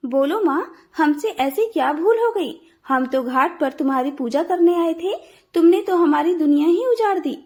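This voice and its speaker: A devout, patient old mother-in-law from a storybook tale, voiced by a woman. She talks gently and pleads in a high voice. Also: animated, normal speed. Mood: pleading.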